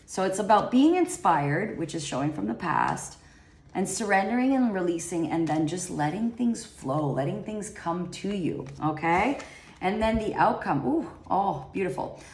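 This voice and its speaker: A woman's voice: on the low side, a little mellow, echoey room, slight background noise. A woman giving a casual tarot reading straight to her viewers, rambling with plenty of fillers and restarts. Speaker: tarot reader.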